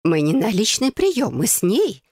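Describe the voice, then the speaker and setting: A woman voicing a kind, motherly wife who talks a little higher and brighter. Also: very animated, normal speed, breathy edge, no room sound, studio quality. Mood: pleading.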